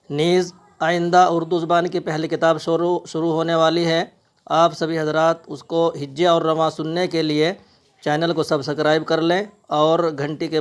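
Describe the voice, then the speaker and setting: A middle-aged man teaching a reading primer, sounding out words letter by letter. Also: fairly high pitch. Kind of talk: spelling-out reading lesson.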